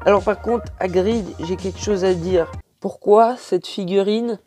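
A man's voice: high-pitched, unhurried, a little mellow, faint music behind. A man with a French accent casually reviewing a toy set, hesitant with many fillers and lots of detail.

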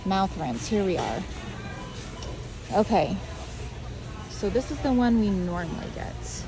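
A family shopping vlogger chats casually as she wanders a large indoor warehouse store, thinking out loud. Her mid-range voice swings widely in pitch and she talks slowly. Music plays over warehouse noise that comes through clearly in a low-quality recording.

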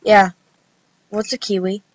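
A woman's voice: mid-range voice, flat delivery, a little slow, highs cut off. A woman giving casual, playful commentary while playing dress-up games at a computer. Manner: giggly, playful, chatty. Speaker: gameplay vlogger.

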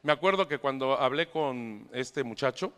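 A middle-aged man, a priest, telling a story to a live audience in an animated, emphatic way with joking asides. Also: medium pitch, moderate pace, smooth. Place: large hall with an audience. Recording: echoey hall.

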